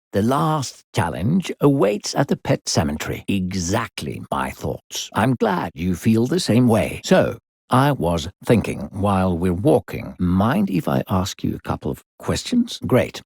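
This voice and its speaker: A man playing an unseen, sinister narrator spirit in a video game, guiding a child with coaxing, falsely polite condescension in a gravelly, husky voice. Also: on the low side, darkish tone, no echo, clean studio sound, exaggerated voice. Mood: coaxing, patronizing, then falsely kind. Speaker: game narrator and guide character. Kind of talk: theatrical video game character acting.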